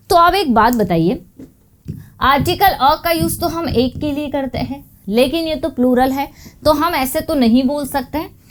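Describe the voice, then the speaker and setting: A young woman with a high voice teaching an English grammar lesson. She explains at an unhurried pace and keeps checking that her students follow. Each example sentence comes out slowly and carefully. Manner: explains patiently, checks understanding with "clear?".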